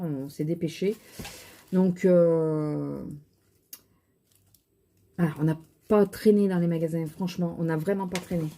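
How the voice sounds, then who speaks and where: A woman with a regional French accent chats to camera about her shopping haul, rambling and restarting her sentences. Her voice sits a little low and has a mellow, soft tone. She sounds tired. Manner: chatty, rambling, many fillers and restarts. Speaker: vlogger showing shopping haul and makeup. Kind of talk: casual chat to camera.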